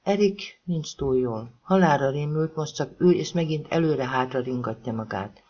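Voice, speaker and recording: A woman's voice: very deep voice, expressive, mellow. A man reading a woman who fakes a thin, trembling voice, breathless and pleading, in a slightly dull audiobook recording. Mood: fake panic.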